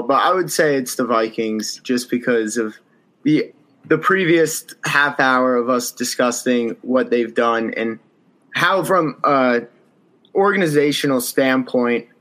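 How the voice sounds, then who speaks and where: A man's voice: medium pitch, a bit bright, poor audio. A man appearing as a guest on a sports podcast, thinking aloud and correcting himself as he goes. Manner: thoughtful, rambling, self-correcting. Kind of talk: casual sports talk.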